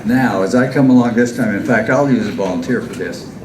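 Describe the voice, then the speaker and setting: A man with a lowish voice hosts a live stage hypnosis show. He coaxes volunteers through suggestive instructions, step by step. The sound is distant and echoey, with clear background noise. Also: a little fast. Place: large echoey indoor venue with audience. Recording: echoey hall from far off, noisy background.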